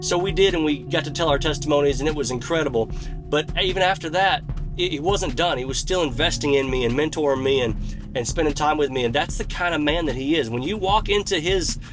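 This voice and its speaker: A man's voice: on the high side, quick pace, over music. A man telling a personal story to camera in a folksy, earnest way. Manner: earnest, folksy, animated when retelling. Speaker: country music vlogger.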